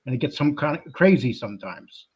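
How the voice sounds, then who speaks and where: A man's voice: a little high, lively intonation, a little fast, husky. A man chatting casually as a guest who has joined a livestream. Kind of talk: casual chat. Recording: dull, lo-fi call audio.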